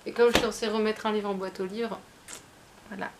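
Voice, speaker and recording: A woman's voice: mid-range voice, flat delivery, fairly quick, background noise. A woman chatting casually about her book haul, talking in a hesitant way with many fillers and restarts. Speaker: book vlogger.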